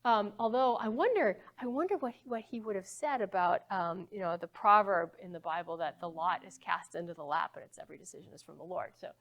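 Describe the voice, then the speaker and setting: A woman physics professor talks through a lecture in a church hall. Her voice sits at a middling pitch. She keeps it conversational, tossing questions to the audience and checking in with a quick okay. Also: lively intonation, fairly bright tone, muffled recording. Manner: conversational, asks the audience questions, frequent okays. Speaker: physics professor giving a talk.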